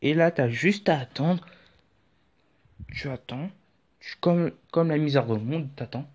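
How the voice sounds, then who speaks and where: Guy rambling thru a tutorial, kinda high voice, muffled sound. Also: unhurried, a little mellow. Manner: chatty, rambling, jokey asides. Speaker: YouTube tutorial host. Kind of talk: casual walkthrough tutorial. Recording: dull lo-fi audio with faint music.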